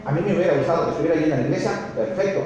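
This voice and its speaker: A man, a pastor preaching a sermon to his congregation, telling animated stories and asking them questions. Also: fairly high pitch, rapid-fire, muffled recording. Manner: animated storytelling, asks the congregation often. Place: church hall. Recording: echoey hall, distant mic, faint noise.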